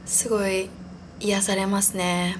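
A woman's voice: medium pitch, level tone, slow, a little hiss or hum. A young woman in her twenties hosting a casual solo podcast, chatting in a rambling, giggly, self-deprecating way. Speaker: podcast host.

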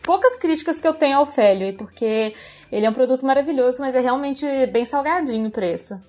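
A Brazilian woman with a Brazilian Portuguese accent hosts a pet podcast, speaking quickly in a high-sitting, animated voice with a darkish tone. As a pet expert, she explains cat behavior in a casual, friendly way, sometimes restarting phrases.

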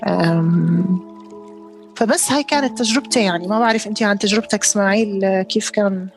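Woman, Levantine Arabic accent, average pitch, casual reflective storyteller with hesitant, emphatic phrasing, faint music behind. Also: fast talker.

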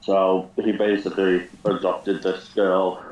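A man's voice: sits low, level tone, unhurried, darkish tone, lo-fi sound. A man on a casual podcast, recounting a tabletop game in a rambling way with many fillers. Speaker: podcast host. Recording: echoey room.

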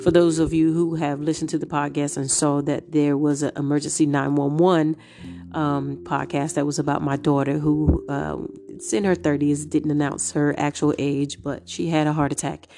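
A woman's voice: deep voice, level tone, normal speed, mellow. A middle-aged woman hosting her own podcast, sounding congested from a cold and talking unhurriedly with frequent ums. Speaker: podcast host. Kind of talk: casual solo podcast talk. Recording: guitar music playing behind the voice.

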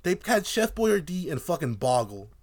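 Young man, podcast co-host, lively swooping pitch, slightly high voice, profane joking rants. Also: normal speed. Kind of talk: casual TV review chat.

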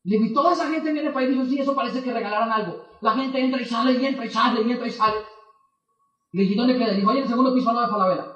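A man's voice: very high voice, very fast, roomy sound, distant mic, lo-fi sound. A man telling a personal story to an audience as a motivational speaker, acting out both sides of the conversations. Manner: animated, acts out both sides of dialogues.

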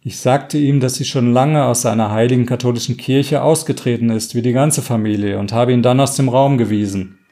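A man's voice: mid-range voice, steady tone, brisk, few pauses, dark tone, lightly acted. A man voicing a blunt stepfather who speaks with open indignation. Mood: indignant. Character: gruff stepfather, usually cheerful, now shaken.

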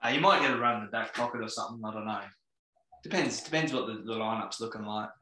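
A man's voice: on the low side, fast, pushed and bright, slight background noise. An Australian man co-hosting a casual podcast with teasing banter, recorded with a roomy echo. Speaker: podcast co-host. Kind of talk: casual chat. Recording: roomy, echoey sound.

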